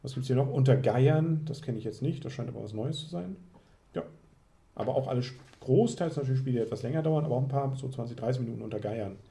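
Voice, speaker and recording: A man's voice: medium pitch, fast, creaky. A man hosting a board game podcast, chatting casually as he works through a list of new games. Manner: relaxed, going through a list of publishers. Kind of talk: casual chat.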